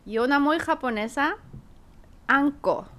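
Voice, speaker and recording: A woman with a fairly high voice co-hosts a relaxed podcast chat. She talks slowly and deliberately, filling gaps with soft agreeing murmurs. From Chile. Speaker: podcast co-host. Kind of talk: casual chat.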